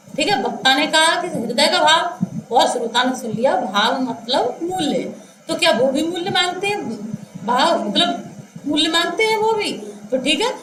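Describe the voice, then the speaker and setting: A woman teacher giving a grammar lecture to students, talking slowly and repeating phrases word by word as she dictates, calling them children. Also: sits high, echoey room, noisy background. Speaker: Hindi teacher. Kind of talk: classroom lecture explaining grammar.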